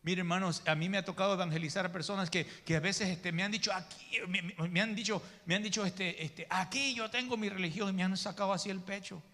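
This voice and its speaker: High, bright-voiced preaching pastor. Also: male voice, steady tone, quick pace, few pauses, long reverb tail. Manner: emphatic preacher, addresses listeners as brother, acts out quoted people. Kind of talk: sermon. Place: church sanctuary.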